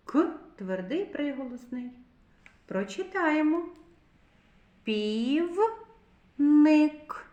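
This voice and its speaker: Slow, high-voiced woman teaching small children. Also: reverberant. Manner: slow, deliberate, drawn-out syllables; gentle encouraging teacher voice. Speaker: kindergarten teacher. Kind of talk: children's literacy lesson.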